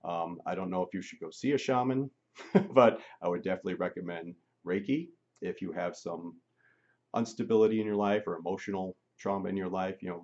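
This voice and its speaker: A man's voice: low voice, a little mellow, muffled recording. A man telling a personal story in a casual, chatty way, with frequent ums and laughs. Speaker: channel host.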